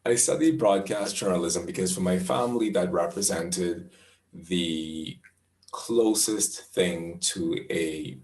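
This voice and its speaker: A Bahamian man in his twenties, a professional astrologer answering interview questions in a thoughtful, measured way, often restarting his phrases. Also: low-pitched, a little mellow, roomy sound. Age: 20s.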